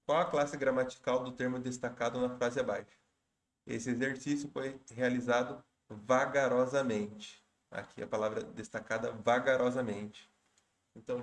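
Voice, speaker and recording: A man teaching Portuguese grammar for exam prep. He works through each question step by step, patiently, and often stops to correct himself. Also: medium pitch. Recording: roomy echo.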